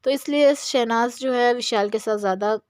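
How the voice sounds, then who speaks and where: A woman's voice: fairly high pitch, moderate pace, darkish tone, smooth, no echo, studio quality. A woman giving a casual, opinionated recap of a reality show episode, with many filler phrases. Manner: chatty, repeats "yahan pe" and "jo hai" fillers; opinionated, voices her own reactions.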